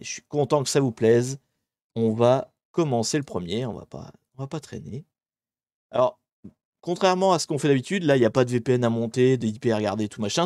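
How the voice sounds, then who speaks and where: A man with a French accent hosting a live stream in a relaxed, rambling way, with lots of fillers and self-corrections. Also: mid-range voice, no room sound, studio quality. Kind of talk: casual live-stream chat.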